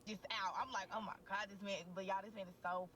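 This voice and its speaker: A young woman on a podcast, telling a candid story in a crude, slangy, animated way and talking straight to the listeners. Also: medium pitch, fast, a little hiss or hum. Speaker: podcast co-host. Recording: voice a bit distant from the mic.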